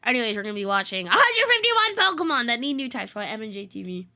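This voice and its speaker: Woman streamer, trained voice actor, bright voice, rambling chat. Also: fairly high pitch, very animated, fast. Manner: rambling with many fillers; trained in voice acting. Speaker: streamer reacting to videos.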